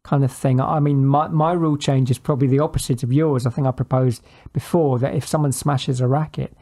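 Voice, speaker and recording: Hesitant, mellow-voiced male podcast co-host. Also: mid-range voice, steady tone, a little fast. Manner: thoughtful, hesitant, self-correcting. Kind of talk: casual chat.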